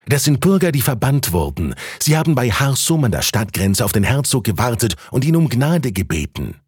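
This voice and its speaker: A man's voice: medium pitch, very animated, moderate pace, darkish tone, breathy edge, no echo, studio quality. A man voicing a knowing male townsman who explains things to a neighbor in a confiding tone.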